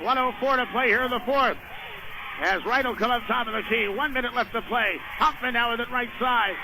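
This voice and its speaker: This is live radio play-by-play of an indoor high school basketball game, delivered by a man with a very high-pitched voice. He narrates the action in brief, continuous bursts while noise carries in the background.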